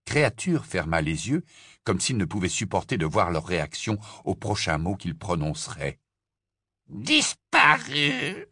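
A man narrating an audiobook in a measured, expressive storytelling voice. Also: sits low, no room sound, clean studio sound.

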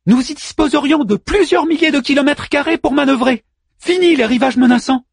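A man voicing a small, plucky male robot sailor in an audiobook, in a high, excited and emphatic voice. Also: brisk, vocal fry, no room sound, clean studio sound. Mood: urgent, eager.

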